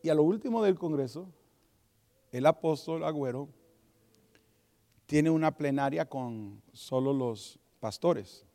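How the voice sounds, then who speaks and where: A man preaching from the pulpit, telling his own testimony with animated storytelling. His voice sits somewhat high. He slips into the voices of the people in his story as he tells it. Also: a little slow, pauses often. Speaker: pastor. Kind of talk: sermon testimony.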